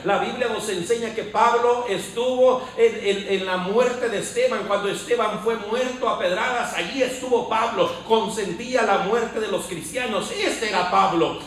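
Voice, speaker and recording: A man with a high, ringing voice delivers a fervent sermon. He is heard from some distance in a very echoey hall, and his preaching climbs to shouts at its peaks. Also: a little hiss or hum. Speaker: pastor. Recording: very echoey church hall, mic far off.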